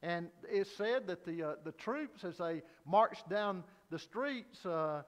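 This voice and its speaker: A man's voice: high-pitched, expressive, slow pace, big-room sound. A man preaching an evening sermon at a pulpit microphone, telling a story earnestly with frequent hesitant fillers. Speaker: pastor.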